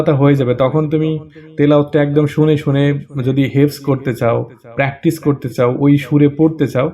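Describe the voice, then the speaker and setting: A man walks through an app in a relaxed, chatty way. He keeps checking in with the listener and pauses on fillers. His voice sits at an ordinary middle pitch. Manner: chatty, with frequent "okay?" check-ins and fillers. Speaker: app tutorial presenter. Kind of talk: casual app walkthrough tutorial.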